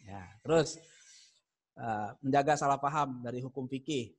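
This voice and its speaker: A man's voice: medium pitch, normal speed. A man giving an online lecture on Arabic grammar, explaining readings step by step, raising his voice to stress key points and chuckling at the examples. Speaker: Islamic studies lecturer.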